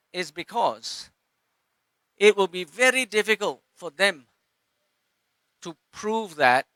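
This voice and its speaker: A Singaporean man giving an impassioned public speech at a rally, with halting pauses and restarts. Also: high-pitched, pushed and bright, dry recording.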